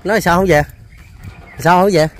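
High-voiced chatty man. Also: normal speed, a little hiss or hum. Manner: chatty, repeats himself, many hesitation fillers. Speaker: host. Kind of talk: casual on-location interview.

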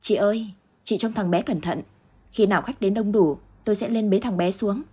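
A woman voicing a grieving young mother who pleads and cries out in a raised voice, with a husky tone. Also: normal speed, mellow, natural voice. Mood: gentle. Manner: pleading, crying out high.

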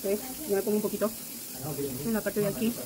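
Woman makeup vlogger, quick chatty delivery, faint noise behind. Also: medium pitch, level tone. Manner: chatty, addresses viewers warmly with diminutives. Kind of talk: casual makeup tutorial.

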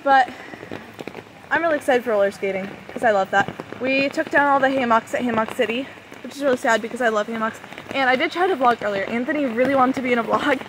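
Sheltering under an umbrella at a rain-soaked campsite, a young vlogger chats casually into her phone, held at arm's length near her face. She talks fast in a fairly high voice, pushing it louder over the rain hammering the umbrella, with plenty of background noise.

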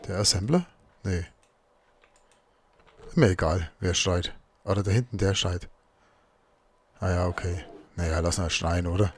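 Let's play host, husky low voice, chatty self-talk, keyboard clicks behind. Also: male voice, measured pace, pauses often. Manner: muttering to himself while crafting. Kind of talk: casual gameplay commentary.

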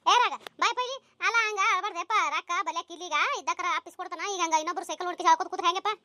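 A very high, squeaky cartoon voice that races along at a breakneck pace. It sounds bright and sharp and is recorded dry and close. The performer scolds and nags as a comic village family. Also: racing, a little hiss or hum. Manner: scolding, nagging village chatter with crying whines.

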